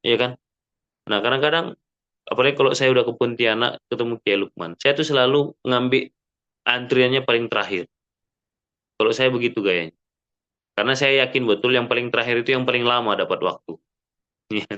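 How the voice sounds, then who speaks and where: Male preacher, mid-pitched, conversational sermon delivery, acts out quotes, slightly dull lo-fi mosque recording. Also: brisk, long pauses. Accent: Indonesian. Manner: lively, with rhetorical questions and acted-out quotes; frequent "ya kan?" checks with the audience. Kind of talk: Islamic sermon.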